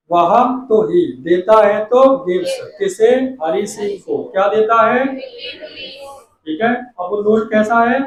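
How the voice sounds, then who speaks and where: A male teacher explaining an English lesson in Hindi. He reads the English sentences aloud and loudly, then breaks them down word by word and keeps quizzing the class. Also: high-pitched, muffled recording. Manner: quizzes the class with repeated questions. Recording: roomy echo, far from the mic, noisy.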